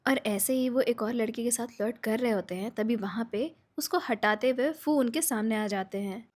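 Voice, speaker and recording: A woman's voice: on the high side, moderate pace, darkish tone. A woman retelling a drama's plot in a casual storytelling voice, lifting her voice for the characters' lines. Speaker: drama recap narrator.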